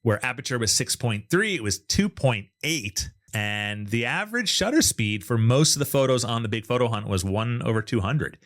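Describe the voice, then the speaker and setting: A man's voice: mid-range voice, expressive, moderate pace, a bit bright. A man hosting an interview, talking in an enthusiastic, chatty way about what he has found. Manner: enthusiastic, chatty, data-minded. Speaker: host. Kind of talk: casual interview chat.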